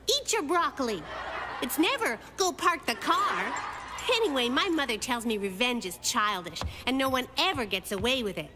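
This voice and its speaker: Little Lulu, high sassy cartoon girl. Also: background noise. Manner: wry, exclamatory. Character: plucky, sassy, quick-witted little girl. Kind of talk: children's cartoon voice acting.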